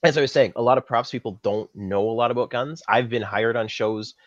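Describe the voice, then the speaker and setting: Guesting on a podcast, a Canadian-accented man from Saskatchewan who works as a film props master talks casually at a fairly quick pace. His medium-pitched voice holds a steady tone, heard through dull, lo-fi, slightly roomy audio.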